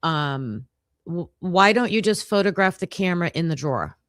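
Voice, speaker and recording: A woman hosting a casual livestream case discussion, talking in a halting way with many fillers and frequent laughs. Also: lowish voice, lively intonation, fairly bright tone, dry recording, studio quality. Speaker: livestream host.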